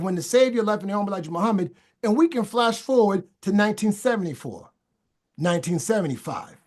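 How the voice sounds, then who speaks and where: Guesting on a podcast, a high-voiced man from Boston begins casually and works up to fervent preaching. His delivery is full of stammered restarts and phrases repeated for emphasis.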